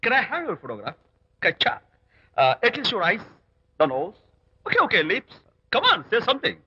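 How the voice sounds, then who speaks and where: A man's voice: high voice, huge pitch swings, drawn-out words, sharp tone, breathy edge, heavily acted. An actor playing a charming, joking young man in a film scene, mixing English into Telugu. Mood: playful. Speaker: film hero. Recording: slightly dull film soundtrack with music.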